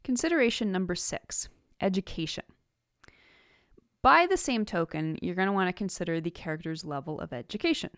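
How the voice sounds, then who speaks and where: A podcast host shares writing tips in scripted, instructional narration, her slightly low voice still expressive and a bit bright. She is measured and orderly, clearly enumerating her points one after another. The recording is close and dry, with almost no room sound and no echo.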